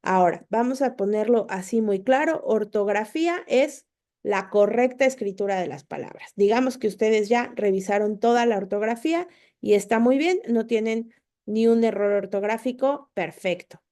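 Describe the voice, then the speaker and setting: Her voice sits on the high side, mellow and at a moderate pace, as she patiently teaches spelling and punctuation in an online course. She repeats herself and frequently asks "¿ok?" to check on her students.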